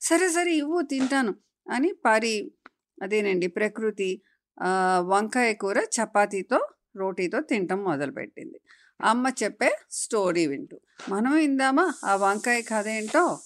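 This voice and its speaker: A woman narrating a children's story in an unhurried way, slipping in English words. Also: mid-range voice, lively intonation, no room sound, clean studio sound.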